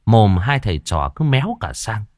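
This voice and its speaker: Male storyteller, low and expressive, dry studio sound. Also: normal speed, no room sound. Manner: lively, vivid narration. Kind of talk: dramatic comic storytelling.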